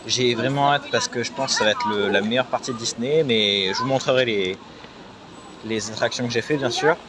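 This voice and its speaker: A man's voice: mid-range voice, a little fast, background noise. Young man vlogging outdoors, distant. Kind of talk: on-location vlog talk.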